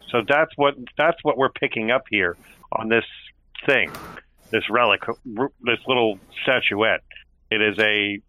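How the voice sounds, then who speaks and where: A man's voice: mid-range voice, dry recording, phone-quality sound. A man playing a tabletop role-playing game, explaining his reasoning and narrating what his character does. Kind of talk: in-game discussion, narrating own character's actions.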